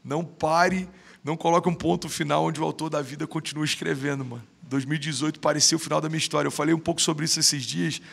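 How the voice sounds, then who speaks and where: A man's voice: on the high side, steady tone, fast talker, vocal fry, a bit bright, husky. A man in his thirties with a Brazilian Portuguese accent, a podcast guest telling stories in a slangy, emphatic casual chat. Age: 30s. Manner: slangy, emphatic, keeps saying "mano".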